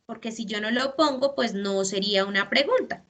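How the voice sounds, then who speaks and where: Bright-voiced woman teacher explaining patiently. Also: a little high, normal speed. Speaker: English teacher. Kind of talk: online class explaining grammar.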